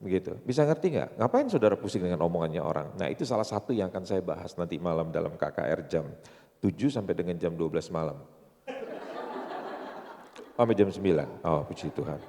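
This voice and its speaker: A pastor in his sixties with an Indonesian accent gives a seminar sermon in a church seminar hall, packed with jokes and rhetorical questions for his audience. His low male voice is brisk, creaky and mellow, with lively intonation, and the hall reverb is long.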